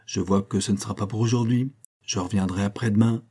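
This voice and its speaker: A man's voice: lowish voice, steady tone, fast, warm tone, husky. A man voicing a bossy, fussing older woman who gives orders in an audiobook. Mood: brisk. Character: Madame Jourdeuil, bossy older woman, gluttonous.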